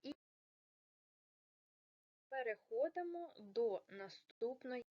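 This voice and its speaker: A woman with a fairly high voice teaching young children in a recorded video lesson. She talks them through each task and draws out stressed syllables slowly and deliberately. The audio is a little dull and lo-fi. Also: lively intonation. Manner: slow, exaggerated stress on words. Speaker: primary school teacher.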